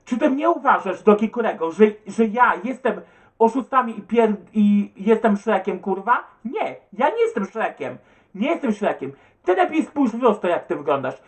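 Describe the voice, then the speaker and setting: A man's voice: high-pitched, big pitch swings, normal speed. A man who answers viewer comments in an agitated, stumbling rant, swearing and repeating himself. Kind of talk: rambling webcam rant.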